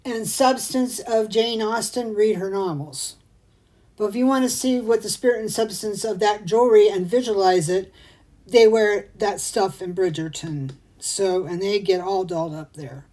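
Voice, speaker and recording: A middle-aged woman hosting a craft show, talking in a chatty, rambling way that turns excitable. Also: mid-range voice, moderate pace, low-quality recording. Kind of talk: casual chat.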